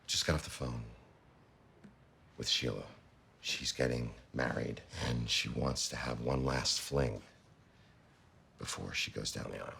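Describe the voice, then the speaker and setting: A man's voice: deep voice, big pitch swings, normal speed, a bit bright, slight background noise, full character voice. An actor playing an anxious, fussy male law partner who gets flustered easily. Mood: downcast. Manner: flustered, voice jumping up when rattled.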